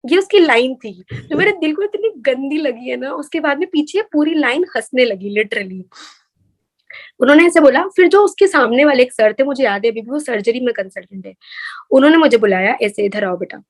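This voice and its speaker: A young adult woman, a doctor in training, tells her stories as a guest in a casual interview. Her voice sits a little high, and she narrates animatedly, slipping into the lines of others. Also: moderate pace. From India. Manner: lively anecdotal storyteller, acts out others' lines. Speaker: guest, medical resident.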